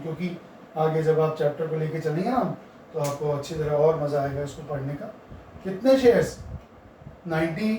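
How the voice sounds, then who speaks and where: High-voiced male teacher in an echoey room. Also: a little mellow, slight background noise. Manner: quizzes the students and answers his own questions; repeats key terms for emphasis. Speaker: accounting teacher. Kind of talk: classroom lecture. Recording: very echoey room, mic far off.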